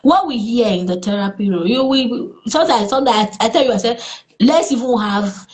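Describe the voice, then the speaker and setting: A Nigerian woman speaking as a therapist in an interview, earnest and lively, with exclamations in her stories. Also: on the high side, a little fast. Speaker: therapist guest. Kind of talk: interview conversation.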